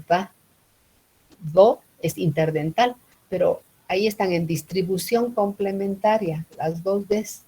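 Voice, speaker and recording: A woman's voice: on the low side, vocal fry, warm tone, husky, poor audio. A woman teaching a phonology class, explaining patiently with many "¿no?" tags and fillers. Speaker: linguistics teacher. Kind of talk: online phonology lecture.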